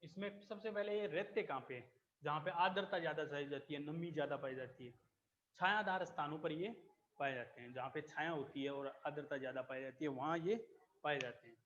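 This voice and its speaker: A man teaching a biology class, explaining slowly, repeating key terms and checking that students follow. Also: a little high, a bit bright, muffled recording. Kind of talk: classroom lecture.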